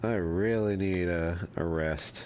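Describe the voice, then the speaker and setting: A man giving casual commentary while playing a fantasy role-playing game, thinking aloud in a relaxed, offhand way. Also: deep voice, slow, a little hiss or hum.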